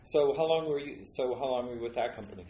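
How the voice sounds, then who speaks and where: A man's voice: mid-range voice, fast talker, warm tone, a little hiss or hum. A man hosting an interview podcast, asking enthusiastic, rambling questions full of fillers. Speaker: podcast host. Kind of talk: casual interview. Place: large home studio. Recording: roomy studio with faint ambience.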